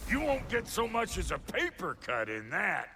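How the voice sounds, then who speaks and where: An actor voicing a brash, teasing merchant with a sharp tongue in a video game. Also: male voice, sits high, huge pitch swings, moderate pace, music in the background, heavily acted. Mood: cocky teasing.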